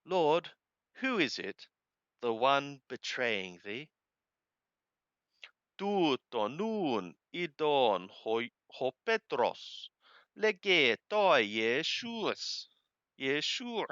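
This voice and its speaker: Reading scripture aloud, a man translates it in short, literal phrases, speaking extremely slowly and emphatically with very lively pitch swings. His clean, resonant voice moves in halting, deliberate phrases. There's no echo, but the recording is muffled.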